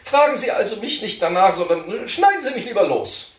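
A high, shrill and pedantic old cantor, fussing over titles and stammering. The squeaky voice sits far above the reader's own and swings widely. It sounds roomy and a little distant from the mic. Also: male voice, sing-song, a little fast. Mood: fussy. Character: fussy eccentric elderly male retired cantor.

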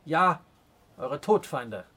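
A man's voice: a little high, animated, fairly bright tone, breathy edge, exaggerated voice. A man voicing a proud, stern Native chief in an audiobook, speaking in a scornful, commanding way. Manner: scornful, commanding, slow and weighty. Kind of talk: audiobook character reading.

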